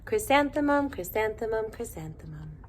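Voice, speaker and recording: A woman's voice: on the high side, expressive, normal speed, slight background noise, lightly acted. A woman voicing a sweet, sensitive little girl in a children's storybook. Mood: happy, adoring.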